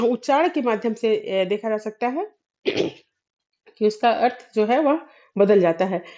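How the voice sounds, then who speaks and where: A woman with a fairly high yet mellow voice teaches a Hindi grammar lesson. She explains slowly, pausing and filling gaps, and often clears her throat. The recording sounds dull and lo-fi. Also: lively intonation. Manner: explains slowly with many fillers and pauses.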